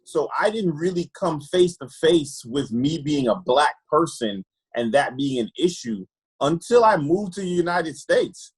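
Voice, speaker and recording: An optometrist from Trinidad, appearing as a guest, tells candid personal stories in an earnest way. His fairly high voice is expressive, slightly rough, and a little slow, and he often repeats words while searching for the right one. The audio quality is poor.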